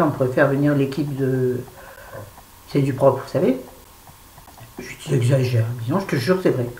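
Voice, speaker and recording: A woman's voice: rumbling low, darkish tone, a little hiss or hum. A woman in her fifties chatting frankly to camera at home, rambling and self-mocking, stressed and irritable. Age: 50s. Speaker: vlogger. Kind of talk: casual unboxing chat to camera. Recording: echoey room with faint ambience.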